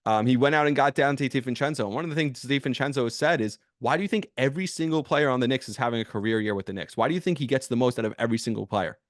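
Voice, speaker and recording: A man's voice: mid-range voice, rapid-fire, hardly any pauses, dry recording. Man, sports podcast host, opinionated, emphatic, casual, dry close sound. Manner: passionate, emphatic, builds to loud bursts; casual with fillers and restarts. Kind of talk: opinionated sports talk monologue.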